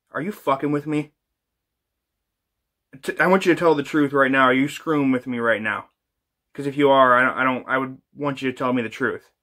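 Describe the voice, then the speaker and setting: A man plays an uneasy young paranormal investigator in a found footage horror film. His mid-pitched voice is bright and a little tense, with halting, casual, improvised phrasing. The amateur camera audio carries clear room echo. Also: natural voice. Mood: tense, suspicious. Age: young adult. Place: indoors, bedroom and kitchen.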